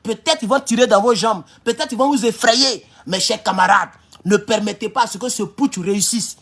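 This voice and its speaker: A man's voice: sits high, moderate pace, fairly bright tone. A man hosting a livestream, making an impassioned address to his viewers and repeating his rallying calls. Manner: fiery, repetitive, rallying. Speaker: livestream host.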